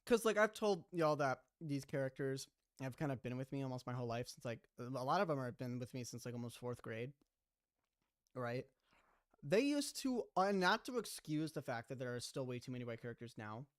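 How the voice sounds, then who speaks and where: A man's voice: mid-range voice, expressive, fairly quick. A young man streaming live, chatting casually about his own series and rambling with lots of "like" and "kinda". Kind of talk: casual livestream chat.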